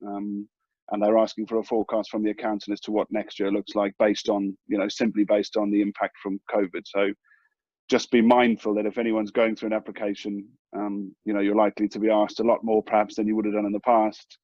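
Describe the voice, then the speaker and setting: Male mortgage broker, low voice, hesitant and measured, dull dry lo-fi audio. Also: monotone, a little mellow, no echo. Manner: hesitant, measured, many fillers. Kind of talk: casual advice talk.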